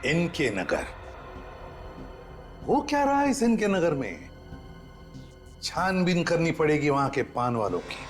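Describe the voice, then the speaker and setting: An actor playing a deliberate, musing senior detective chief in a dramatic TV crime series. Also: male voice, a little high, very animated, over loud music. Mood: pondering.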